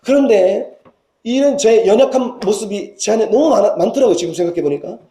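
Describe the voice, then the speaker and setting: A man preaches a sermon in a high, fervent voice that drops to hushed pleading and rises to loud cries. The recording carries the roomy echo of a church sanctuary. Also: animated, a little fast. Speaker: senior pastor. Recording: roomy church hall sound.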